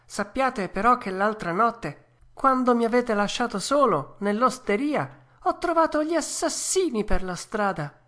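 Wooden puppet boy, read by a woman: high, eager, childlike, for a storybook. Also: expressive, unhurried, fairly bright tone. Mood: agitated.

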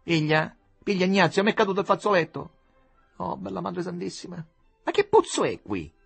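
A man voicing a frantic, tearful noblewoman who breaks into shrill outbursts. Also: big pitch swings, moderate pace, vocal fry, breathy edge, soft background music, full character voice. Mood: scolding.

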